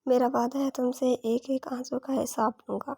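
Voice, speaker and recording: A man's voice: very high-pitched, little pitch movement, normal speed, creaky, a little mellow, husky, dry recording, studio quality, full character voice. Woman reading as a vengeful protective brother. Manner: read plainly in the narrator's voice.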